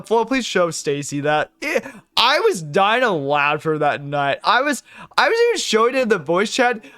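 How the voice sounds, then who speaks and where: A man's voice: sits high, pushed and bright, clean tone, dry recording. A young man streaming live, chatting casually with viewers in a rambling way, cursing freely and laughing often.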